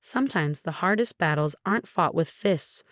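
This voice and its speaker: A woman reading a scripted first-person story in a steady, measured way. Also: lowish voice, dry recording, studio quality. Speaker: story narrator.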